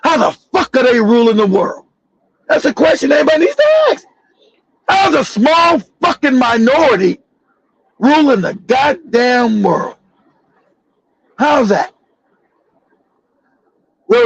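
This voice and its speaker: Husky guy ranting on his stream, cussing, repeating himself, dry close sound. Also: extremely high pitch, animated, unhurried, pauses often, no room sound, muffled recording. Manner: fiery, profane, repetitive ranting. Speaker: show host. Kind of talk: heated livestream commentary.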